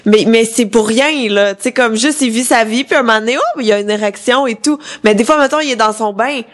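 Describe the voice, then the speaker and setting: Québécois woman on a podcast, bit high voice, blunt and a little awkward. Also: brisk. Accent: Québécois French. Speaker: podcast co-host. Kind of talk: casual chat.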